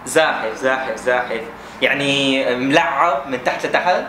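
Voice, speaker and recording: A man's voice: mid-range voice, normal speed, bright, forceful tone, a little hiss or hum. A man with a Syrian Arabic accent chatting casually and guessing aloud in a challenge. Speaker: contestant in a dialect challenge. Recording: echoey room, music behind.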